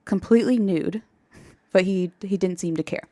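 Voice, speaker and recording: Brief: woman podcast host, animated storyteller, dry close mic. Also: medium pitch, moderate pace, no echo. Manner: animated, laughs often, acts out quotes. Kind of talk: casual storytelling chat.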